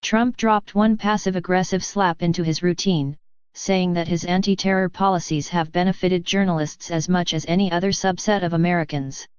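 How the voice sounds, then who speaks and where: A woman reading scripted news narration in an even, measured way. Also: fairly low pitch, clear, resonant tone, no echo, highs cut off.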